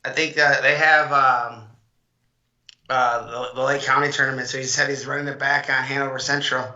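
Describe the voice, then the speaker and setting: A man co-hosting a casual podcast about high school wrestling, chatty and full of "like" and "I mean" fillers. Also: level tone, normal speed. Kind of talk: casual sports chat. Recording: bright, echoey, dull-sounding room mic.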